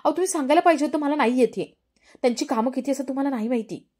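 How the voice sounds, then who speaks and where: A young husband fretting and pleading with his wife, anxious in every line. A woman reads him without dropping her voice. The tone stays a bit high and mellow. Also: very fast, natural voice. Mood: worried. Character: man, worried young husband.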